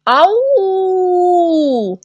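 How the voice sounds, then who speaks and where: A woman's voice: a little high, animated, dry recording, highs cut off. A woman voicing a clumsy, boastful little male shorty who yelps and whines about pain. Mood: whining. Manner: whiny, yelping, scared of pain.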